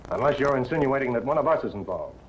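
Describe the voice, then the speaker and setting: A stiff, easily offended colonel who heads the police, played by an actor. His speech is clipped, formal and quick. A faint hiss sits under the old film sound. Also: medium pitch, lively intonation, natural voice, low-quality recording. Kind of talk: 1940s film acting.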